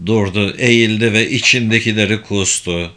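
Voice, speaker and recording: A man narrating an audiobook in a measured, somber reading. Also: lowish voice, steady tone, sharp tone.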